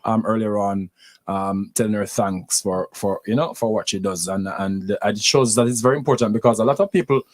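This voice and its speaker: A man's voice: fairly low pitch, fairly even intonation, brisk. A man hosting a radio talk show, chatting casually with guests, with frequent fillers and a playful island-style turn of phrase. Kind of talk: casual interview chat.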